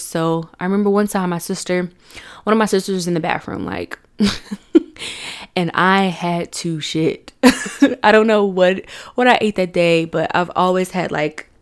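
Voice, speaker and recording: A young woman talks straight to her viewers, open and unguarded. Her voice sits a little low, and she keeps it casual, calling her viewers y'all and laughing between lines. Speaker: vlogger. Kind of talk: personal storytelling to camera.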